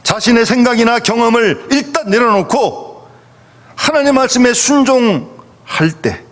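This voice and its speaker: A male pastor preaching a sermon emphatically, with rhetorical questions to the congregation. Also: extremely high pitch. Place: church sanctuary. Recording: reverberant church hall.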